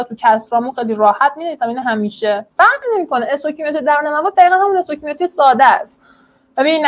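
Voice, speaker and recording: High-voiced woman teaching online chemistry. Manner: encouraging, explains step by step, colloquial.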